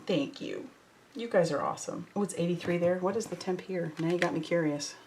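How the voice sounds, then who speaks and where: Woman, lowish voice, chatty live craft host greeting viewers by name. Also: quick pace, soft background music. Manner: chatty, reads out viewer comments, warm and effusive. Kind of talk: casual live chat while crafting.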